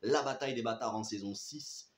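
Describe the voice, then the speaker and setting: A man's voice: mid-range voice, normal speed. Enthusiastic French man in echoey room. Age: young adult. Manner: enthusiastic, chatty, many fillers and restarts. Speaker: series reviewer. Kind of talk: casual spoken review.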